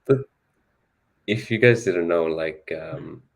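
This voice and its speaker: Young guy from malaysia, really low voice with lots of fry, laid back, says like a lot. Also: slow. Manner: relaxed, filler-heavy with like and um. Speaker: junior developer on the stream. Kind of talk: casual livestream chat.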